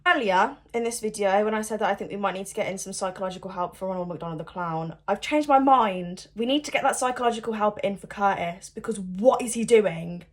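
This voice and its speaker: A young woman doing casual reaction commentary on a reality show, expressive and sassy, often exclaiming in disbelief. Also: mid-range voice, fairly quick, hardly any pauses. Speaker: reality TV recapper.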